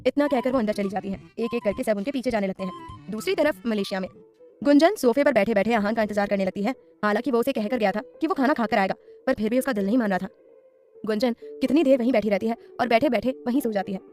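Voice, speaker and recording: Woman, storyteller, serial story narration, fast, slightly high voice. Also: darkish tone, soft background music.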